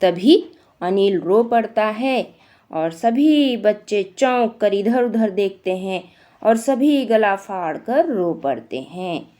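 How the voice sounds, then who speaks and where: A woman's voice: medium pitch, animated, takes it slowly, mellow. A woman teacher reading a textbook story aloud and explaining its words in simple terms.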